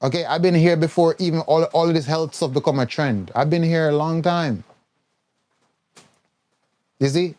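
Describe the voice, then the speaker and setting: A man's voice: a little high, normal speed, long pauses, a little mellow. A man giving a blunt, scolding health talk on a live stream, mimicking the people he quotes. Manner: mimics others in quoted voices. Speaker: herbal health coach.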